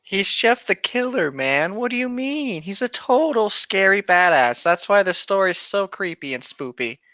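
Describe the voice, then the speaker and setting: A man whose voice sits high reads horror fiction aloud as a podcast co-host, sounding expressive with a sharp tone at normal speed. He adds playful, sweary asides along the way. The recording is dry, on a slightly muffled microphone.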